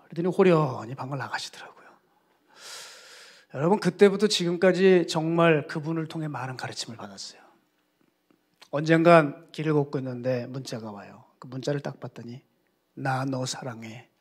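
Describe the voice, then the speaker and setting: Animated storytelling male pastor. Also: on the high side, fairly quick, slightly rough. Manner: animated storytelling, acting out quoted voices. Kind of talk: sermon.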